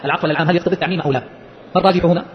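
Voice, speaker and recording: Rapid-fire high-voiced male lecturer. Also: fairly even intonation, highs cut off, a little hiss or hum. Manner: quizzes listeners with quick rhetorical questions. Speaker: Islamic jurisprudence teacher. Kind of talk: explaining a legal-theory text.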